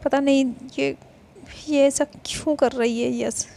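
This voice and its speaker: A woman's voice: high-pitched, steady tone, takes it slowly, vocal fry, warm tone, heavily acted. A woman voicing a protective, loyal young woman in a spoken romance story, talking in an insistent, indignant way.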